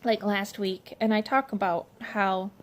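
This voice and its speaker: A woman's voice: medium pitch, fairly even intonation, measured pace. A middle-aged woman and mother talking in a casual personal vlog, rambling and emotional, often restarting her sentences. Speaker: vlogger, mother. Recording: faint background noise.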